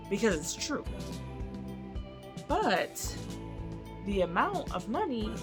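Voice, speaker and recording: A woman's voice: medium pitch, creaky. A woman in her twenties telling an indignant storytime in a vlog, with music underneath. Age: 20s. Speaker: vlogger.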